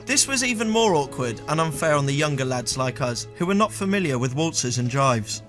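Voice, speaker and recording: Deadpan man telling a story, higher voice. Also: brisk, music in the background. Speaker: storyteller host. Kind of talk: comic storytelling with banter.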